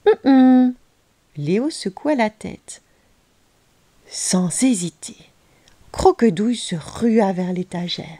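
A woman narrating a children's storybook in an expressive, lively manner. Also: medium pitch, slow, pauses often, a little hiss or hum.

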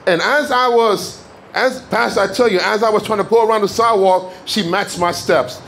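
A man from Jamaica preaching in a church, giving a fervent testimony that builds to shouted declarations. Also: high-pitched, moderate pace, slight background noise. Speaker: guest preacher. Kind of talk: sermon testimony. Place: church sanctuary.

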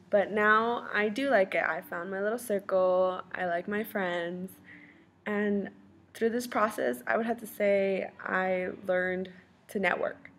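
A young woman student gives a chatty, upbeat testimonial to a close laptop webcam in a classroom. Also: mid-range voice. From born in California, raised partly in Mexico and Washington. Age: young adult. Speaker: college student. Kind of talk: casual testimonial to camera. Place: classroom, indoors.

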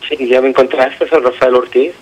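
A Mexican man from Mexico City with a mid-pitched voice speaks hesitantly on a phone call. He rambles and keeps tagging his sentences with "right?". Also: fairly even intonation, normal speed. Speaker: prank-call target.

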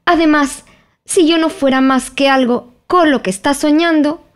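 A woman's voice: high-pitched, moderate pace, voice pushed up, natural voice. A woman voicing a sensible, considerate young girl in an audiobook, speaking earnestly. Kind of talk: audiobook character voice.

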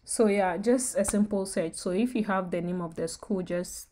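A young woman giving grad school tips in a relaxed, sleepy late-night voice with frequent ums. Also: mid-range voice, moderate pace. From Ghana. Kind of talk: casual tutorial talk.

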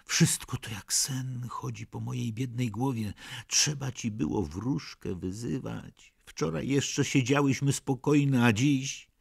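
A man voicing a fearful, pious old nursemaid in an audiobook, husky and confiding, with a sighing manner. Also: medium pitch, takes it slowly, no room sound, clean studio sound, voice pushed up, full character voice. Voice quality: husky, gravelly. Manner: sighing, hushed, confiding storyteller. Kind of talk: audiobook character reading.

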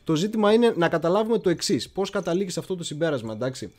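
A man hosts a casual history livestream in a sing-song voice that sits on the high side. He is chatty and digressive, often pausing to hunt for words.

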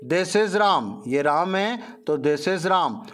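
A man teaches a children's English lesson, speaking slowly and stretching each English word. His voice sits fairly high for a man, and he repeats every question before he answers it. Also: animated, fairly bright tone. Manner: slow, repeating questions then answering them; drawn-out syllables on English words. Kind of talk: explaining a textbook lesson.

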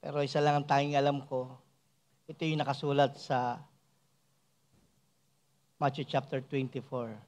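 A man, a church elder, preaching a sermon with frequent rhetorical asides, moving between soft asides and raised, emphatic passages. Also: mid-range voice, flat delivery, normal speed, pauses often.

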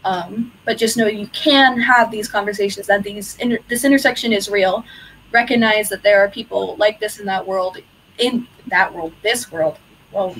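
A woman's voice: medium pitch, normal speed, fairly bright tone, slight background noise, rough recording. A woman speaking earnestly and encouragingly as a panelist in an online discussion, with some restarts. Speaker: panelist, unified sports partner.

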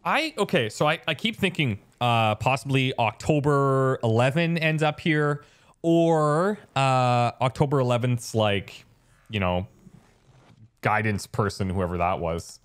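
A man's voice: mid-range voice, expressive, unhurried. A man giving casual gameplay commentary. He thinks aloud, trails off into fillers, and reacts to what is on screen in an easygoing way. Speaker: let's play host.

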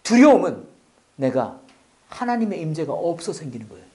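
A man preaching a sermon as a pastor, with joking asides, swinging from loud exclamations to near-whispers. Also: on the high side, big pitch swings, a little fast.

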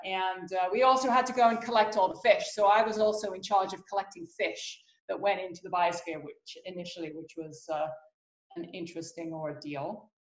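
A middle-aged woman talking in a casual panel discussion, pausing often with fillers over a video call. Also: medium pitch. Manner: hesitant, many fillers. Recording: echoey room on a video call.

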